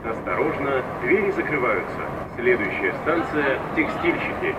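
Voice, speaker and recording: A man giving formal, measured metro announcements, heard over a train loudspeaker. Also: expressive, dull audio. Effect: played over a train loudspeaker. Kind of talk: recorded transit announcement. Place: inside a moving subway car. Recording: echoey, distant, loud train noise. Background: rumbling train and air conditioning.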